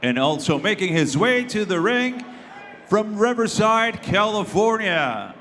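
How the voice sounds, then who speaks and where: High, showy lucha libre style ring announcer man. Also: sing-song. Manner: showy lucha libre announcer delivery, drawn-out shouted names. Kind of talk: formal boxing ring announcing. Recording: echoey arena PA, background noise.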